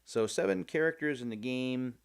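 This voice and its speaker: A man's voice: mid-range voice, moderate pace, smooth. A man hosting a video, giving casual, chatty unboxing commentary and thinking aloud as he goes. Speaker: host of a game unboxing video series.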